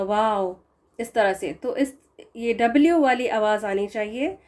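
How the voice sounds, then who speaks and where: A woman teaching a recitation lesson, explaining pronunciation patiently and repeating example words slowly. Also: mid-range voice, a little mellow.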